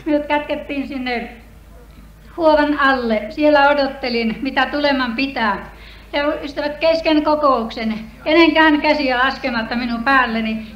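A woman giving a personal healing testimony at a church meeting, earnest and measured. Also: high-pitched, fairly bright tone. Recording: echoey hall, dull old tape.

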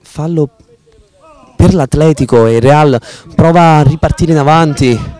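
High-voiced man, excitable football commentary. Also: unhurried, no echo. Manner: excited goal calls that surge and stretch out; florid, formal sportscaster vocabulary. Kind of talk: amateur football match commentary.

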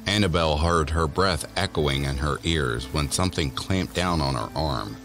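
Music runs under this very deep male voice as he tells a scripted spooky story about teenagers at normal speed. He is the storyteller in an audio drama, keeping his tone measured and eerie.

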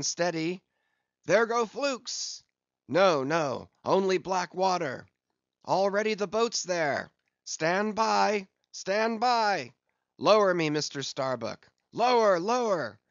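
A man voicing a fierce, obsessed old whaling captain in an audiobook, with commanding, long-drawn shouts. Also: a little high, no echo, highs cut off. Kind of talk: audiobook character acting.

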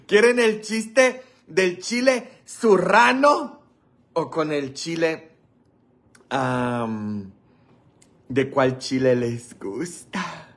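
Male priest, light raised voice, teasing and laughing between greetings to viewers. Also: fairly high pitch. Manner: playful and teasing, laughing often, greeting commenters by name. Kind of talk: joking livestream chat with viewers.

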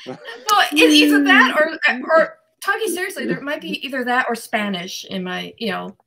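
Woman panelist, high and lively voice, easy slow delivery, voices in the background. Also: gravelly, a crowd in the background. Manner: slow, laughing, self-mocking. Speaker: panel guest. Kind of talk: casual panel chat.

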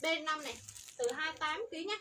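A woman selling children's clothes on a livestream, rattling off product codes and sizes in an upbeat sales pitch. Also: lively intonation, moderate pace, bright, forceful tone, slight background noise.

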